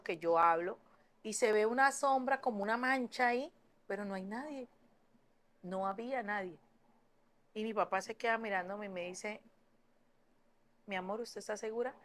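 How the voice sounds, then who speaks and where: A young woman telling a personal story in an earnest way, with halting restarts and fillers. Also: medium pitch, a bit bright. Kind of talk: personal story told to camera.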